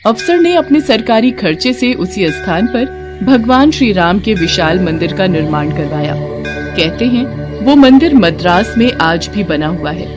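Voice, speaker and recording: A woman narrating devotional tales with dramatic expression. Her pitch rises and falls widely, and soft music plays faintly underneath. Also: expressive, unhurried. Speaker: storyteller.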